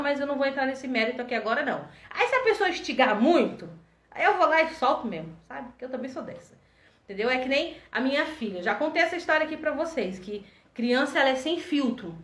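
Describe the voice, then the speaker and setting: High-voiced woman in her 40s telling stories, super animated and chatty, echoey room. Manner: animated, chatty, lively reenactments. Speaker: entrepreneur and host. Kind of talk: casual storytelling chat.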